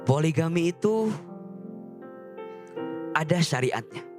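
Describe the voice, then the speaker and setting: A male Islamic preacher calmly explains his answer to a listener's question. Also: on the high side, slow pace. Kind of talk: answering a question in a religious talk. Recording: piano music under the voice. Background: piano music.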